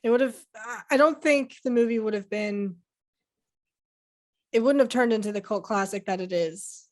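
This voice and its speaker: A woman's voice: fairly high pitch, normal speed, darkish tone. A young woman co-hosting a film podcast in casual chat, rambling with many fillers and restarts. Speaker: podcast co-host.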